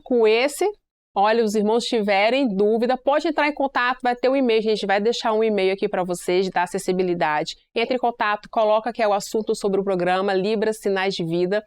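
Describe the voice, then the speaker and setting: Smooth-voiced Brazilian woman host. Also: mid-range voice. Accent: Brazilian Portuguese. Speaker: program host.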